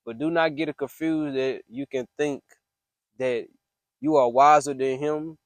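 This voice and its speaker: A man's voice: mid-range voice, fairly even intonation, measured pace, no room sound. A man talking casually and emphatically about his own reflections in a voice memo, with slangy phrasing and an earnest, preachy manner. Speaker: speaker sharing personal faith reflections. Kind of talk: casual spoken voice memo, venting and testimony. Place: close, dry voice memo recording.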